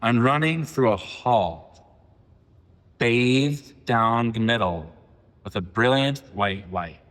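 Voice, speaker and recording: A man in his forties giving a poetry reading, with halting, filler-heavy asides between poems. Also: medium pitch, animated, a bit bright, big-room sound. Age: 40s. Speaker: poet. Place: reading venue.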